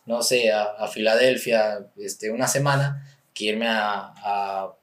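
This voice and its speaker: A young man with a Mexican accent, a boxer being interviewed, talking in a relaxed, rambling way with many fillers. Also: fairly low pitch, slow. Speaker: guest, professional boxer. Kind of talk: casual interview chat.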